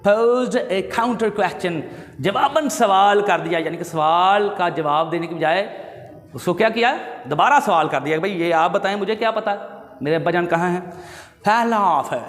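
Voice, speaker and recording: A man with a Pakistani accent teaching English vocabulary to students. He says each English word slowly, gives its Urdu meaning, and corrects pronunciation. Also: sits high, a bit bright, roomy sound, big-room sound. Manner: corrects pronunciation and drills words.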